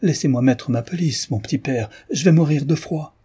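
A man's voice: mid-range voice, normal speed, mellow, husky. A man voicing a sly, wheedling old woman matchmaker. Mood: pleading. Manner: wheedling, pleading.

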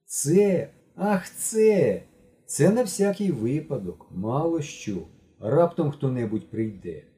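A man voicing a proud, boastful teenage boy who protests excitedly in an audiobook. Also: medium pitch, a little slow, voice pushed up.

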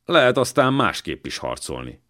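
A male reader voicing a wounded old man, a former royal servant, who speaks slowly and weightily like a stern father. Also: mid-range voice, sing-song, a bit bright, voice pushed up. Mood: gruff, fatherly. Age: older.

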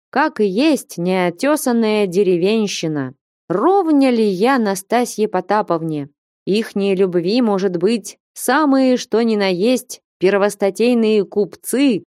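A woman voicing a downcast young village man who answers reluctantly, low and with sighs. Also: darkish tone, no room sound, studio quality.

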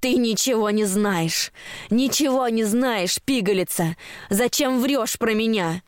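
A woman voicing a spiteful, trembling old woman who hisses her words slowly and menacingly. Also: smooth, no echo, clean studio sound, natural voice. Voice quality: hissing, slow and low.

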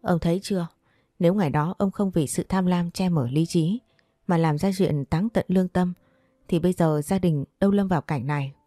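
Lady reading a tired sorrowful old mom, low dark voice. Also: normal speed, dry recording, studio quality, close to an everyday voice. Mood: anguished. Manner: pleading, sorrowful. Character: weary, remorseful older mother.

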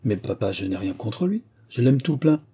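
A man voicing a quick-witted, mischievous young princess who teases her family playfully. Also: mid-range voice, sing-song, mellow, slightly rough, pitched above the performer's own voice. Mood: teasing. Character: teasing, chattering young princess girl.

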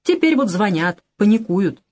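A woman reading the part of a stern, brusque middle-aged male Soviet official in an audiobook, lecturing in a lively voice. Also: mid-range voice, moderate pace. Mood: curt.

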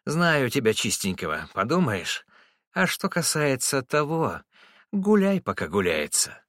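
A man's voice: huge pitch swings, a little slow, a bit bright, no echo, clean studio sound. A man voicing a sly, spiteful male driver who wheedles and needles in a raised, sneering voice. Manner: sneering, needling, pitched high.

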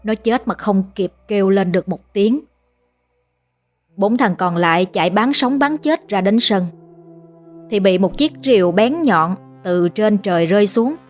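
A woman telling a horror story in a steady, dramatic storytelling manner. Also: medium pitch. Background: faint music.

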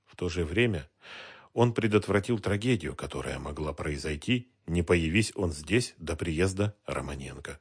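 A man reading an audiobook, narrating a tense scene in a measured, dramatic way. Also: deep voice, expressive, breathy edge. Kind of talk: scripted narration.

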